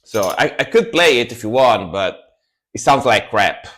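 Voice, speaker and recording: A native Italian speaker from Italy, a man in his thirties with an Italian accent, hosts a livestream and chats casually in a rambling way, often repeating his phrases. His mid-range voice is animated and a little bright, at normal speed.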